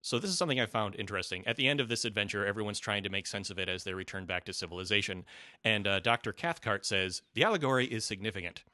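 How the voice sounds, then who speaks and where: Lower-voiced guy on a book podcast, kinda bright sharp tone, dry sound. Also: fast talker, dry recording. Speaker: podcast co-host. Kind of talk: casual book discussion, reading passages aloud.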